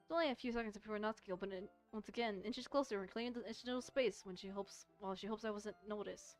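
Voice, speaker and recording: A fast-talking woman with a medium-pitched voice streams a visual novel, switching between casual, rambling, playful chatter and reading the game's text aloud. Music plays behind her throughout this let's-play session.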